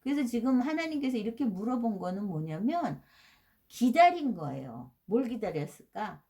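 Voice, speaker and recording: Mellow-voiced woman teaching Bible class. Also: on the high side, big pitch swings, moderate pace. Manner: conversational, asks rhetorical questions, mixes in English words. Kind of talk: casual Bible lecture.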